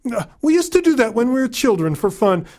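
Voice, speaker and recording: A man's voice: very high-pitched, sing-song, brisk, a little mellow, pitched above the performer's own voice, full character voice. A man voicing a kindly, wise old mother in a told folktale, amused and matter-of-fact.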